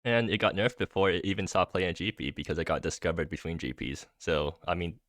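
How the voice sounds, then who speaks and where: A man hosting a laid-back stream chat, talking eagerly and a bit too fast. His voice is very deep, and the sound is dry and close. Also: fairly even intonation, fairly bright tone, no room sound. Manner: quick, eager talker. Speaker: stream host. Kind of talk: casual chat about a card game.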